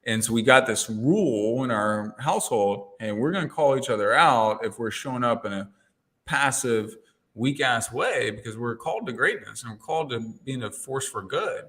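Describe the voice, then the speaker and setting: A man talking as an interview guest and coach, telling lively stories and acting out his own inner dialogue, with frequent restarts. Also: medium pitch, normal speed. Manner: energetic storyteller, acts out quoted inner dialogue; rambling restarts and repeated words. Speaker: guest, NLP coach and entrepreneur mentor. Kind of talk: casual interview conversation.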